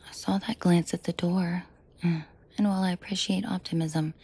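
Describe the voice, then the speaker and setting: Voicing a threatening yet protective and flirty mafia boss, this woman addresses the listener in an intimate audio roleplay. She speaks slowly and deliberately with dry sarcasm, frequently dropping to a murmur, in a breathy, husky, slightly mellow low voice with vocal fry.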